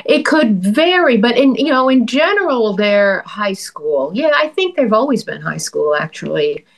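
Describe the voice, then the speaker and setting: A woman's voice: mid-range voice, big pitch swings, measured pace, vocal fry. A woman poet from New York City with a Queens accent, speaking thoughtfully as an interview guest. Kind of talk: thoughtful interview talk and poem reading.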